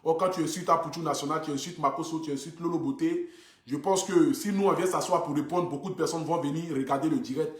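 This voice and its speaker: A man's voice: on the high side, fast, echoey room. Earnest man livestreaming by phone. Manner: earnest, repetitive, many fillers like "voilà" and "donc du coup". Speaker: social media influencer. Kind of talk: casual livestream talk to viewers. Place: indoors, seated.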